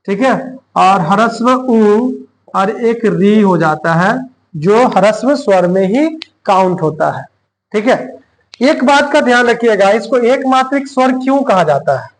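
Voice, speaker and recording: A male teacher giving a grammar lesson, dictating slowly and repeating phrases word by word. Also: sits high.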